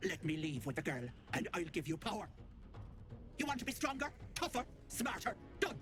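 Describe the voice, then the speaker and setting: A woman's voice: fairly low pitch, big pitch swings, moderate pace, fairly bright tone, soft background music. An actress voicing a scheming old hag witch in a video game, sly and honeyed, calling people dearie. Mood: wheedling.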